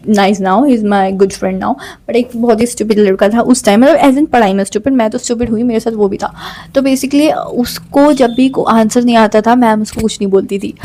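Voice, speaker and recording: A woman's voice: fairly high pitch, mellow. A young woman casually telling a personal story to camera, chatty and full of fillers. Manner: chatty, mixes English into her speech, many fillers. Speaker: vlogger.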